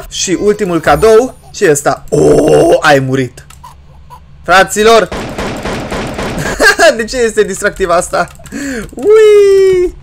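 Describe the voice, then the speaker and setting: A man giving jokey let's-play commentary on a horror game, excitable and given to sudden loud yelps. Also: high-pitched, vocal fry, pauses often, background noise. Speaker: gaming YouTuber.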